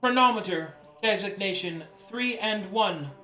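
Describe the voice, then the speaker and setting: A man's voice: sits high, measured pace, pushed and bright, echoey room, soft background music. A man voicing a machine-like creature that answers queries in clipped, literal computer processing replies. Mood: flat, mechanical. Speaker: game master.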